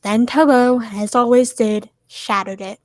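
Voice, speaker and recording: Woman, fan-script narrator, steady, plain, casual read-aloud, dry sound. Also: on the high side, measured pace, dry recording.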